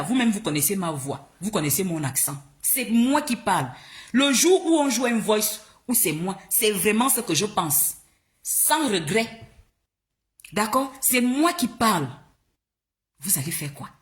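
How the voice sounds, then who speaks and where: A woman from Gabon hosting a live stream, talking in a heated, confrontational way, firing off rhetorical questions and stumbling over her words when she gets worked up. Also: fairly high pitch. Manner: stumbles and restarts when agitated.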